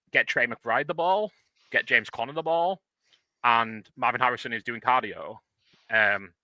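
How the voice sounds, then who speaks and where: Bright-voiced podcast host. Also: male voice, medium pitch, no room sound, low-quality recording. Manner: relaxed, analytical, many fillers. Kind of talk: casual sports podcast chat.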